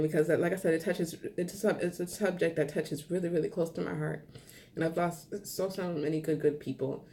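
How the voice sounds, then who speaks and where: A woman's voice: on the low side, vocal fry, mellow. Earnest young woman, rambling and breathless. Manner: earnest, rambling, many ums and restarts. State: short of breath, coughing. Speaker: vlogger. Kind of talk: casual heartfelt monologue to camera.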